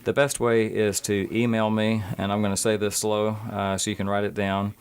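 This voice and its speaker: A man's voice: lowish voice, level tone, normal speed, clear, resonant tone. A man speaking as a motivational speaker guest on a radio interview, earnest and often stammering and restarting his words.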